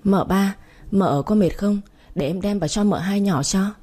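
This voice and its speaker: Brief: helpful young maid, read by a woman, polite, soft and husky, storybook. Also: medium pitch, normal speed, natural voice. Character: eager young household maid.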